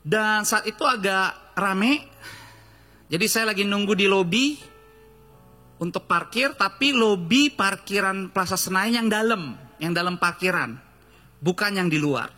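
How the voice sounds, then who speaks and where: A male pastor with a Jakarta Indonesian accent preaching a lively, joking sermon full of storytelling and acted-out quotes. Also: high-pitched, unhurried, soft background music. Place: church stage.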